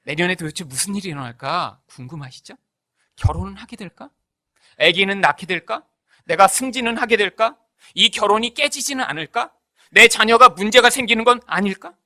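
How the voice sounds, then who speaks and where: A man's voice: high-pitched, lively intonation, a little fast, pushed and bright, no room sound. A man preaching a sermon as pastor. He keeps asking the congregation rhetorical questions and acts out the voices in his stories. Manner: tells stories with acted-out voices.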